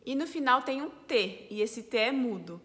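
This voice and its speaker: A woman with a Brazilian Portuguese accent, a French teacher, explaining pronunciation clearly step by step. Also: a little high, animated, normal speed, a bit bright, big-room sound. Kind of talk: pronunciation lesson.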